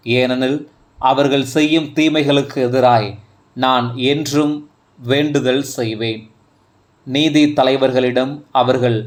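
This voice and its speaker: A man reading psalms aloud in a calm, reverent, evenly paced scripture reading. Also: mid-range voice. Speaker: scripture reader. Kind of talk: slow, measured scripture reading.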